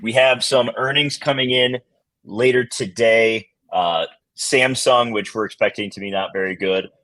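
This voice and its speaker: A man's voice: medium pitch, steady tone, measured pace, a bit bright, no echo. A man co-hosting a markets show, talking loosely with hesitations, jokes and swearing. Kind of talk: casual market chat.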